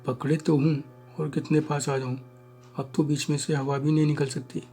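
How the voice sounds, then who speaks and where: A man's voice: on the high side, flat delivery, moderate pace, mellow, slightly rough, faint music behind. A man reading an audio story, voicing a young man who is firm, reassuring and a bit impatient.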